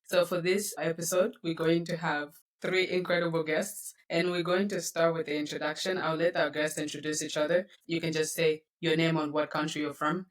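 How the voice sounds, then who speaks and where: A woman's voice: deep voice, level tone, normal speed, few pauses, far from the mic. Congolese woman hosting a podcast. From Democratic Republic of Congo. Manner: laughs often while talking. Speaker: podcast host. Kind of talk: casual podcast chat.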